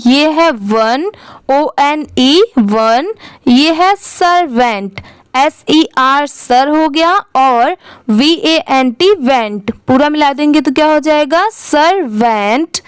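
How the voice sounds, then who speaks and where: A high-pitched woman leads a reading lesson at an unhurried pace. She spells each word out letter by letter and then blends it into the full word, asking the listener questions and answering them herself. Her voice is recorded dry and close, with no room sound. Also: no echo. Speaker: English reading teacher.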